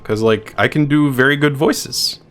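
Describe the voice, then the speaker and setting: Chatting casually at normal speed, a deep-voiced man streams a video game, voicing his thoughts as they come and swearing freely.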